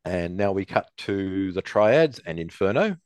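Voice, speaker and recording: Lively, low-voiced man recapping a show. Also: a little slow, clean tone, no room sound. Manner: lively storytelling. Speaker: podcast host. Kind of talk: recapping an episode aloud.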